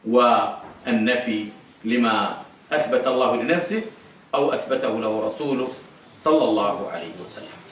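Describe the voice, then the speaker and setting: A man's voice: mid-range voice, moderate pace, fairly bright tone, distant mic, slight background noise. A man giving a religious lecture on creed, emphatic and repeating key phrases for stress. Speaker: Islamic scholar lecturing on creed. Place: mosque hall. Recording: echoey hall, voice picked up from afar.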